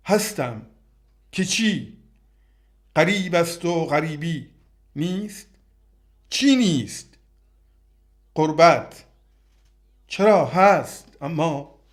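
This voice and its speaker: A man reciting a poetic dialogue with himself, trading short, brooding questions and answers. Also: on the high side.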